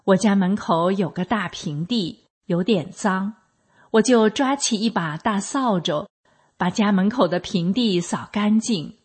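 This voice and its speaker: Older woman, radio reader of a testimonial, husky tone, very slow and steady. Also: mid-range voice. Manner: slow, measured, plain reading. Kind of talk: scripted first-person narration.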